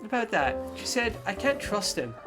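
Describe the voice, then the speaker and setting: A man's voice: sits high, sing-song, moderate pace, over music, voice pushed up. A man voicing a chatty teenage schoolgirl assistant in a let's play, reading lines in a gossipy, mock-cutesy way.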